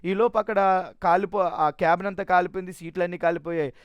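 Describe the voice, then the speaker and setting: A man's voice: sits high, fairly even intonation, fast, clean tone, no room sound, muffled recording. A man giving a personal testimony in an earnest, emotional way, often restarting his sentences.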